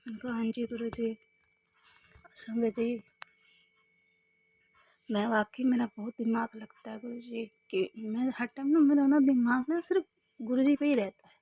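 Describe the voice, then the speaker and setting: A woman's voice: on the high side, steady tone, measured pace, long pauses, warm tone, slightly rough, dry recording. A woman sharing a fervent devotional testimony, repeating herself often and addressing the listeners directly. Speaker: devotee sharing a satsang experience.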